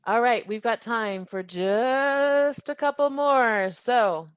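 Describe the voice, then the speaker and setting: A woman's voice: on the high side, slow, clean tone, no room sound. A woman hosting an online social on a video call, cheerfully calling on guests and teasing them. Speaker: event host.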